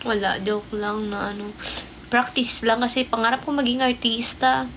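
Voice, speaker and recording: A woman's voice: a little high, steady tone, normal speed, a bit bright, lo-fi sound, a little hiss or hum. A woman from the Philippines hosting a casual phone livestream, playful and teasing, often breaking into laughter. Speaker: livestream host. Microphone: phone mic.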